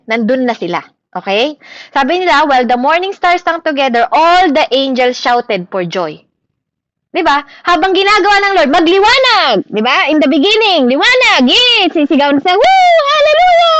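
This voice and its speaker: Woman, Filipino accent, preaching, lively delivery, higher voice, close dry sound. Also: no room sound. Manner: animated, shouts hallelujahs, asks listeners di ba often. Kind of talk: sermon. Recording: muffled, lo-fi recording.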